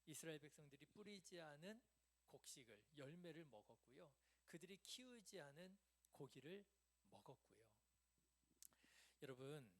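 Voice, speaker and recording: A man preaching a midweek sermon in a church, conversational, asking the congregation questions and answering them himself. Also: on the high side. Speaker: pastor. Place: church sanctuary.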